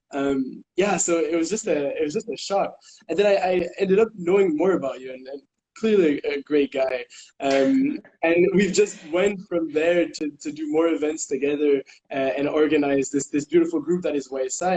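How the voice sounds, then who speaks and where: Young male co-host, slightly high and mellow, halting conversational delivery. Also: low-quality recording. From Quebec, Canada. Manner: hesitant, many restarts and fillers. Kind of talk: casual chat.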